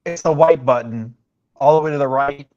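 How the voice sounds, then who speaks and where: A man's voice: mid-range voice, moderate pace, a little mellow, no echo. Man on a stuttering, freezing video call. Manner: brief, helpful interjections. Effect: choppy video-call audio that freezes and stutters. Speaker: livestream panelist. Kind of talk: casual chat. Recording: dull dry video-call audio.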